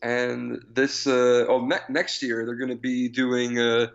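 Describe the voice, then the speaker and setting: A man chatting casually as a podcast co-host, reacting in an animated way. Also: mid-range voice, slow pace, vocal fry. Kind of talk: casual chat. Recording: slightly dull lo-fi sound.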